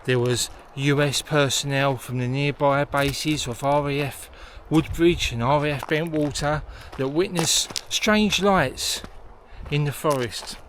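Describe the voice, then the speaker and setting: Out in a forest, a vlog host narrates on location and explains things along the way while noisy outdoor sound fills the recording. He speaks at a measured pace in a slightly bright voice on the high side.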